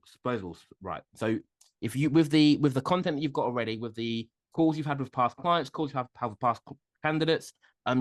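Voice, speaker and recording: Male webinar host, brisk pace, casual audience check-ins. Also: mid-range voice. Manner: checks in with the audience, uses fillers. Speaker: host of recruiting workshop. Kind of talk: webinar presentation.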